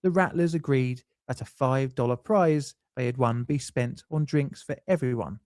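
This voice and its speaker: A man's voice: mid-range voice, moderate pace, darkish tone, dry recording, studio quality. Man with a scripted narration. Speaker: documentary narrator.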